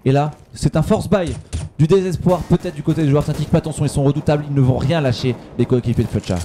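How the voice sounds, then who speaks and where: A man giving live esports commentary in an excitable announcer style, repeating phrases for emphasis. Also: fairly high pitch, quick pace, slight background noise.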